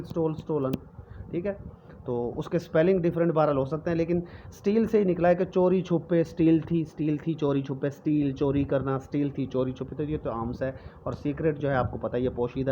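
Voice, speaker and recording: A man teaching English vocabulary in a recorded lecture, explaining each word slowly with many repetitions and frequent check-ins. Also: a little high, dark tone. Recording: dull lo-fi lecture recording with faint noise.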